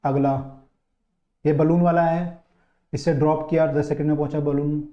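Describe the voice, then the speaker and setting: Male physics tutor, high-ish voice, dark tone, chatty and coaxing, repeats points; roomy, muffled recording. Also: flat delivery, moderate pace. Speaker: physics teacher. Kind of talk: online class lecture. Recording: dull, roomy online-class audio.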